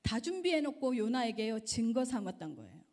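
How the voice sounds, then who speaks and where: A middle-aged woman missionary preaches to a youth group with a high, lively voice. She keeps throwing questions at her listeners and swings her pitch widely. Her delivery is animated and engaging. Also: fairly quick. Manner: animated, keeps quizzing the audience. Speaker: missionary guest speaker.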